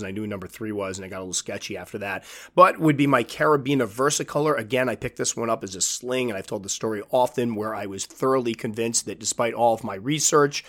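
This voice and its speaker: Man with whistling S sounds, chatting enthusiastically. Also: lowish voice. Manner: animated storytelling, acting out quoted reactions. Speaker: host, tarantula keeper. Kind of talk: casual enthusiast countdown monologue.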